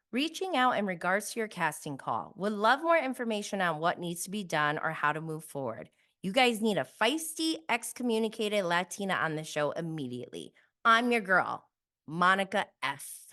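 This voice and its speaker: A woman's voice: lowish voice, bright, forceful tone. Opinionated woman recapping reality TV. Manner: conversational, opinionated, emphatic. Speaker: podcast host. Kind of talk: casual reality TV recap commentary.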